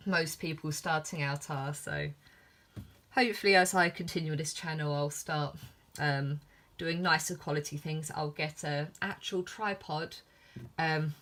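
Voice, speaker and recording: A woman with a fairly low voice and a lisp gives a casual sketchbook commentary. She takes it very slowly, hesitating often, and sounds self-deprecating and a little giggly. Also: fairly even intonation, fairly bright tone. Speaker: artist showing a sketchbook. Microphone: filmed on iPhone.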